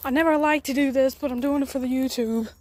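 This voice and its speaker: A woman garage channel host speaks quickly in a high-pitched, darkish voice with fairly even intonation. Walking around an old truck in the woods for a casual vlog, she rambles chattily and drops now and then to near-whispers.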